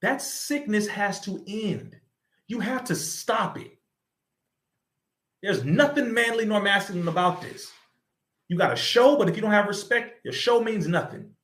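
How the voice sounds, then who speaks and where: A man's voice: high-pitched, animated, unhurried, fairly bright tone. A young man giving impassioned reaction commentary on a video, preaching and addressing listeners directly as y'all. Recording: echoey room.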